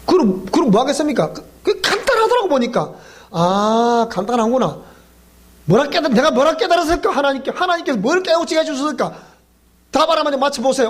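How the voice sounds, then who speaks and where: A male pastor with a Gyeongsang accent, preaching in a joking way, quizzing the congregation and laughing often. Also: very high-pitched. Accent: Gyeongsang Korean. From South Gyeongsang, Korea. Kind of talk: sermon at a weeknight Bible school. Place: church.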